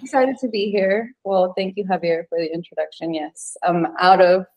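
A woman from Venezuela who was raised in Utah speaks in a lowish, steady voice at normal speed over a rough recording. As a podcast guest in a casual interview chat, she's warm and earnest, laughs easily, and uses lots of fillers.

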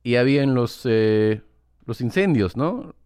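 A man's voice: mid-range voice, animated, takes it slowly, darkish tone, clear, resonant tone, dry recording. Dry-sounding man chatting with a laugh. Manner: laughs easily, acts out quoted locals. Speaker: podcast host. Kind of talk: casual chat.

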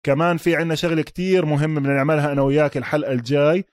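A man's voice: a little high, steady tone, racing, no echo, clean studio sound. A man with a Palestinian-Jordanian Levantine Arabic accent co-hosting a casual sports discussion, mixing English sports terms into his Arabic. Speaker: sports podcast host.

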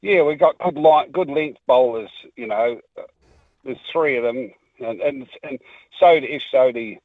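A man's voice: mid-range voice, measured pace, no echo. Man with a new zealand accent, heard over the phone, rambling caller, tinny dry line. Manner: rambling, with restarts. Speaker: talkback radio caller. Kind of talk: casual phone-in chat.

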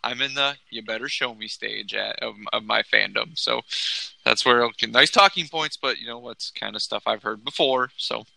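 A man co-hosting a sports talk show, skeptical and halting, often repeating his words. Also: medium pitch, vocal fry, sharp tone, dry recording, low-quality recording. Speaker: sports podcast co-host.

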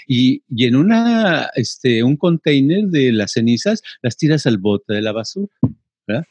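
A man's voice: mid-range voice, very animated, unhurried, a little mellow, breathy edge, no echo. An older man, chatting casually and rambling, filling gaps with playful sounds. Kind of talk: casual conversation.

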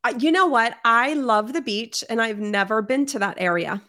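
Woman podcast host, enthusiastic, keeps affirming her guest, a bit high voice. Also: moderate pace, pushed and bright. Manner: enthusiastic, affirming, says amen. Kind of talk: casual interview chat.

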